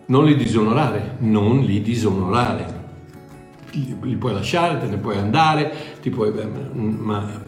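A man's voice: fairly low pitch, measured pace, soft background music. Echoey older man preaching informally. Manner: emphatic repetition, self-correcting, conversational. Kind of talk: informal sermon, teaching directly to listeners.

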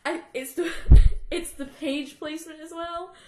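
A high-pitched woman talks unhurriedly in an echoey room. She hosts a casual book chat, laughing often and slipping into acted-out quotes. The room gives her voice a roomy echo. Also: a little slow, a little hiss or hum. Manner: animated, laughs often, acts out quoted lines. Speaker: podcast host.

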